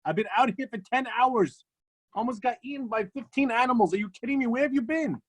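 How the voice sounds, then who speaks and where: A man acting out a troubled man in a story, who talks in rapid, exasperated outbursts. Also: high-pitched, a little mellow, husky. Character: frantic troubled man, pleading then indignant.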